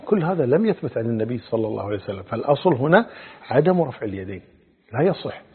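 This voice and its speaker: A middle-aged male Islamic scholar answering religious questions in a measured, explanatory way, quoting hadith. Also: medium pitch, breathy edge. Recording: phone-like narrow band.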